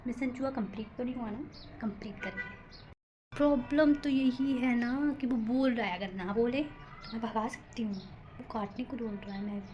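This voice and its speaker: A young woman vlogger with a slightly high voice talks straight to camera in a nervous, rambling way, poking fun at herself as she goes. Faint noise sits under the recording. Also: normal speed, muffled recording. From India. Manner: nervous, rambling, self-mocking chatter. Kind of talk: casual vlog talk to camera. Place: rooftop and home room, indoors and out.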